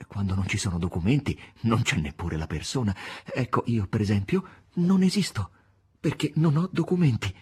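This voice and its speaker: A man voicing a timid, hesitant male writer with a husky voice. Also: on the low side, lively intonation, moderate pace, darkish tone.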